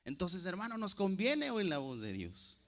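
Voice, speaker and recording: A male preacher delivers a sermon in a slightly high voice. He swings between loud and soft, calls the congregation brothers and slows down to repeat key phrases. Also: huge pitch swings. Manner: preaches with wide swings in pitch and loudness, repeats phrases slowly for emphasis.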